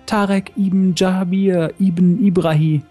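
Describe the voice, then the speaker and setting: A man voicing a cold, vengeful woman sorceress who speaks softly and with contempt. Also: sits high, fairly even intonation, faint music behind, pitched above the performer's own voice. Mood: judging. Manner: soft, contemptuous, deliberate.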